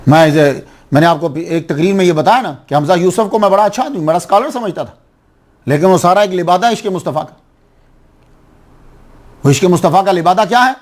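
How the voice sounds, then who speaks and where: A man preaching a sermon, passionate, asking his listeners questions and rising to loud exclaims. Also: long pauses. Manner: impassioned, rising to high exclaims, addresses audience with questions. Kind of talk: Urdu religious sermon.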